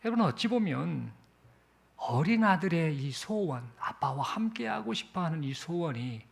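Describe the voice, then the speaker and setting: A male pastor telling a story from the pulpit in an animated way. His voice is high and swings widely in pitch, with a gravelly fry running through it. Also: unhurried. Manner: animated storytelling with acted-out quotes. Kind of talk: sermon storytelling.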